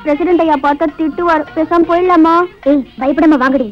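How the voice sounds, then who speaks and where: An actress playing a proud, spirited young village woman, sharp-tongued and defiant. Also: high voice, steady tone, a little fast, lo-fi sound, faint music behind, lightly acted. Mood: bossy, teasing. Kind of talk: TV drama acting.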